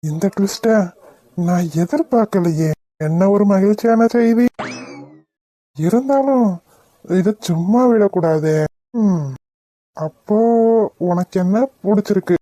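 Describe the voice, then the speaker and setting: A woman's voice: medium pitch, lively intonation, slow pace, pauses often, dark tone, no echo, clean studio sound. A woman voicing a playful, blunt young village man in a cartoon, with a brusque, teasing delivery. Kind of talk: cartoon voice acting.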